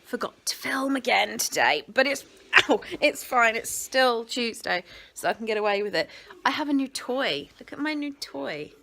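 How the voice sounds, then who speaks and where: A woman's voice: on the high side, animated, moderate pace, creaky, pushed and bright. A woman chatting casually to her phone camera at home, rambling and breaking off mid-thought. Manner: rambling, chatty, self-interrupting. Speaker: vlogger. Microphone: phone camera clipped on a window ledge.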